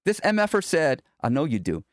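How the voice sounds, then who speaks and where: With wildly swooping pitch and a brisk pace, a man narrates his self-help audiobook himself in a slightly high voice. His delivery is conversational and motivational, speaking straight to the listener, in a dry recording free of room echo.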